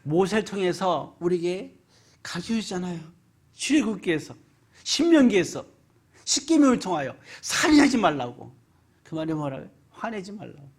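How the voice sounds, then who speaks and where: A pastor preaching a Sunday sermon, asking the congregation questions and swinging between loud and hushed. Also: medium pitch, sing-song, moderate pace, husky. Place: church sanctuary.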